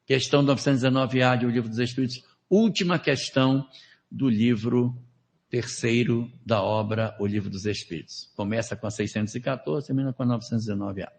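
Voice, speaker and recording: A man's voice: medium pitch, a little fast, creaky, darkish tone. Guy teaching a spiritist seminar, chatty and easygoing, asks the crowd questions, goes step by step. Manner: conversational, rhetorical questions, numbered steps. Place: lecture hall at a spiritist center.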